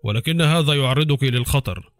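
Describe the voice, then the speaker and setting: A man's voice: mid-range voice, brisk, no echo, lightly acted. Narrator as a hard cold spy guy, curt and dry, close dry mic, faint music. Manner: curt, cool delivery.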